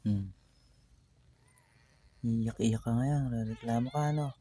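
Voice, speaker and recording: A man chatting casually to his pet cat, teasing and coaxing her in a soft, low-key way. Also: takes it slowly, a little hiss or hum.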